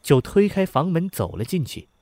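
A man narrating a novel in a measured, somber storytelling manner. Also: a little high, very animated, warm tone. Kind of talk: audiobook narration.

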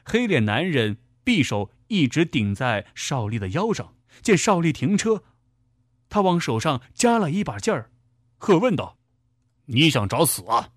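A male storyteller narrating a dramatic tale with a vivid delivery. His pitch moves in a lively way, and the recording is close and dry. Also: a little slow, dry recording.

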